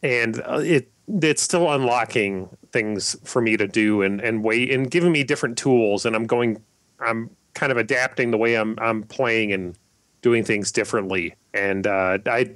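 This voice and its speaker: A man hosting a casual podcast chat, rambling and halting with lots of fillers and restarts. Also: medium pitch, fairly bright tone, no echo. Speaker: podcast host.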